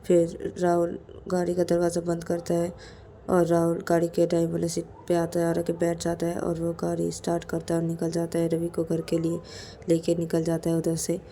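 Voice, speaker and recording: Brief: a woman with a low, mellow voice casually telling a serialized story, a faint hiss behind. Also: monotone, normal speed. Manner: repetitive, step-by-step retelling.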